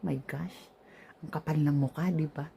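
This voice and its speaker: Low-voiced woman telling a vlog story. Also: moderate pace, gravelly, husky. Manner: animated, indignant retelling with exclamations. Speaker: vlogger. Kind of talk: casual storytime.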